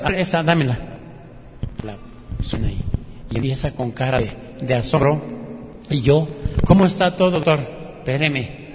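A man's voice: on the high side, background noise. Mexican man telling a story, slight reverb. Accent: Mexican Spanish. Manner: storytelling, acting out other people's words in quoted dialogue. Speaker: testimony speaker. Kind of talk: spoken religious testimony.

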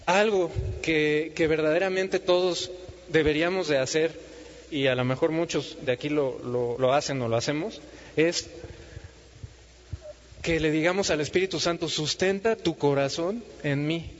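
A man gives an informal sermon, his slightly high voice carrying a long reverb through a hall. The sound is muffled and dull. He speaks conversationally, with frequent fillers and restarts. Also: normal speed, long pauses. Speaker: preacher.

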